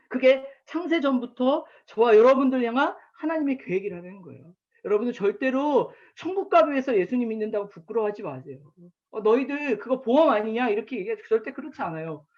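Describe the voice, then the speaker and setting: A man in his thirties preaching at an online chapel, telling stories about his daughter and acting out her lines. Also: very high voice. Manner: warm storytelling with acted quotes of his daughter. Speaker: campus ministry pastor. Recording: dull lo-fi online chapel recording.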